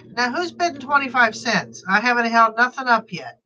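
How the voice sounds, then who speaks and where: A woman's voice: a little high, animated, pushed and bright. A woman hosting a casual live-stream auction, chatty and laughing often. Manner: chatty, laughs often, drawn-out slow delivery. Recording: dull lo-fi livestream audio.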